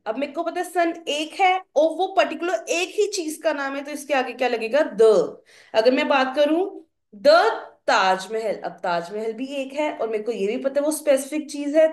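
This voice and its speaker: High-voiced woman teaching a lesson. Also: expressive. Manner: explains slowly, asks the class questions. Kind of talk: classroom grammar lesson. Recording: echoey room.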